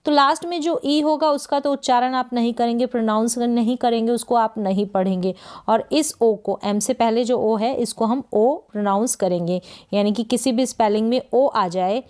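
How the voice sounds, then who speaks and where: A woman from India teaching English pronunciation in Hindi, spelling words out letter by letter and repeating them slowly with question prompts. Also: on the high side, a little mellow, smooth. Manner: slow, drilling repetition with "what is it?" prompts.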